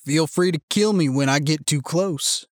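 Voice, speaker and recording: A smug young militia leader, as a man puts him on, calm and sardonic. He speaks in an unhurried, quietly threatening tone, slightly high in pitch. The recording is close and dry. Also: no room sound, lightly acted. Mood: cool menace.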